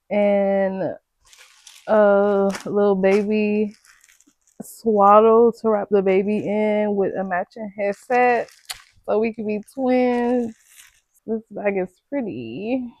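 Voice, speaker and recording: A young pregnant vlogger with a medium-pitched voice chats casually while unboxing baby gifts. She's gushing and excitable, tossing out slangy exclamations.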